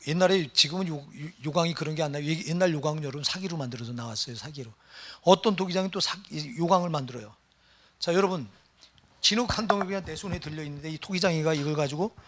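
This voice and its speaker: A man's voice: on the high side, fairly bright tone. A middle-aged man preaching a fervent sermon as a pastor in a church, with calls of amen and hallelujah. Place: church sanctuary.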